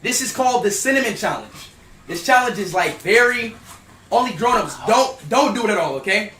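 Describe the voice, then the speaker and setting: A young man streams live, talking to his chat in a high, bright voice that leaps around. He swings from loud hype to nervous mumbling. The sound is roomy and a little distant, with faint hum behind it. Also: lively intonation, normal speed.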